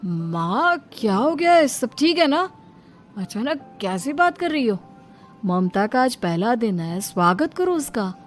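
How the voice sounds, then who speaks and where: A woman's voice: on the high side, sing-song, slow pace. A woman voicing a dutiful, reasonable son of thirty in a dramatized moral story. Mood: concerned. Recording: music behind the voice.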